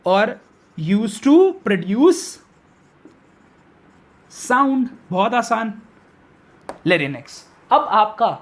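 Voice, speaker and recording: A male science teacher gives a classroom biology lecture. He mixes in English technical terms, asks questions and answers them himself, and repeats key terms slowly for emphasis. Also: sits high.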